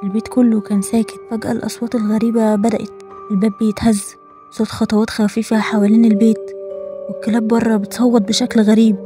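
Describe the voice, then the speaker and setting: A woman with an Egyptian Arabic accent narrating a scripted horror story in a brisk, dramatic way. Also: a little high, little pitch movement. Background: background music.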